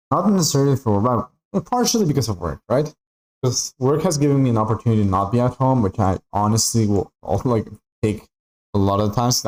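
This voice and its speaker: A young Peruvian man with a lowish, darkish voice chats casually while streaming a game, rambling and stuffing his talk with "like" and "right?". The recording is rough.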